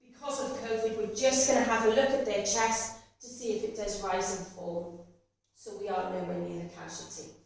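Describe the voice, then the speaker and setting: A woman's voice: mid-range voice, steady tone, moderate pace, hardly any pauses. Woman instructing in a very echoey room. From Cardiff, Wales. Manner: instructional, repeats learners' answers back. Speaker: first aid instructor. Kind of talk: practical demonstration with questions to learners. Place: echoey indoor training room. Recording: very echoey room, distant mic, faint noise.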